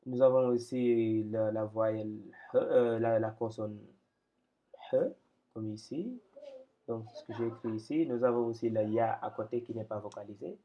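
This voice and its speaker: A man teaching a lesson step by step, patient and hesitant, with many pauses and fillers. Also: fairly low pitch. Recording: dull lo-fi recording.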